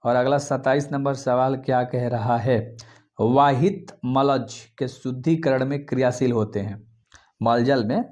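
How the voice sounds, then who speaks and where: A man with a Bihari Hindi accent teaching exam questions quickly, repeating answers and coaxing his students. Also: medium pitch, warm tone. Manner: fast, repetitive, coaxing students.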